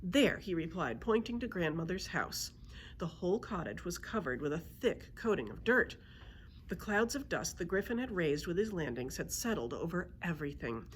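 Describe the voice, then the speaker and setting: Reading a children's story aloud like a librarian, a woman speaks at a normal speed in a slightly low voice with lively, expressive intonation. There's faint noise in the background.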